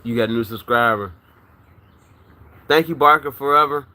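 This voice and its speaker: A man's voice: medium pitch, normal speed, sharp tone. A man with a Virginia accent hosting a casual livestream, greeting chat by name and ranting loosely with lots of swearing, his speech a bit thick from a swollen wisdom tooth. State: swollen wisdom tooth, mouth not fully closing. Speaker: livestream host.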